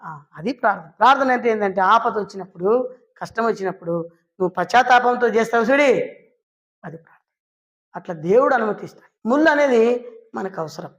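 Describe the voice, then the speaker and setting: A woman's voice: on the high side, fairly quick, pauses often, highs cut off. Woman preacher; storytelling sermon, rhetorical questions. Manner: lively, asks and answers her own questions; acts out quoted people in short voices.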